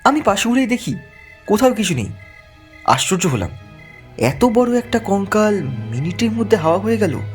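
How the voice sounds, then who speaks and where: Over music, a man with a high-pitched, very animated voice plays a frightened young man recounting his visit to a haunted house. He speaks at normal speed with long pauses, giving dramatic, suspenseful first-person narration.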